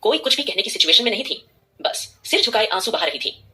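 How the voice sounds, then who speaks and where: A woman narrating a dramatic audio story, reading expressively. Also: on the high side. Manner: expressive, fast-paced reading.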